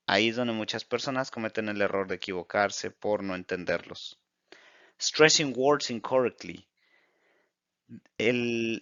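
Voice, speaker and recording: A man gives a video lesson on English sounds, explaining in Spanish and slowing down to model English examples. His voice is bright and smooth. The recording is dry and a little dull. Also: lowish voice, no room sound. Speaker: English teacher.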